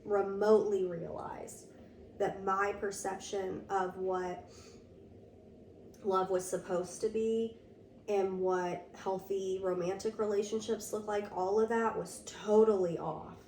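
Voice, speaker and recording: A young woman talks through a casual podcast conversation, her voice a touch hoarse and her thoughts earnest and reflective, full of little "like"s. She sits a little away from the mic in a roomy space that carries a clear echo. A faint hush of background noise sits under her voice. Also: mid-range voice, fairly even intonation, slow pace, recorded from a distance. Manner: reflective, earnest, frequent "like" fillers. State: slightly hoarse from a sore throat. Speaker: podcast co-host. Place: room with door open to rain.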